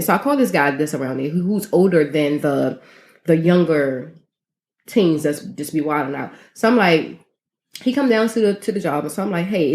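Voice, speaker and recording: A woman co-hosting a podcast, telling stories in a casual, animated, slangy way and laughing often. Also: lowish voice. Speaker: podcast co-host. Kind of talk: casual chat. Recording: echoey room.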